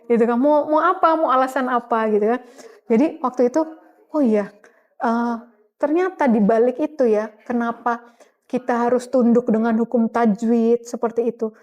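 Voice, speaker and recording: A woman's voice: a little high, steady tone, normal speed, darkish tone. A middle-aged woman, telling her story as an interview guest in a casual, chatty way with frequent laughs and fillers.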